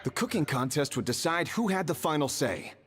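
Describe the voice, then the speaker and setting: An eager character recounting legend and lore. His pitch moves expressively from line to line. Faint game music plays underneath. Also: very animated, a little fast, a bit bright, husky, big-room sound, full character voice.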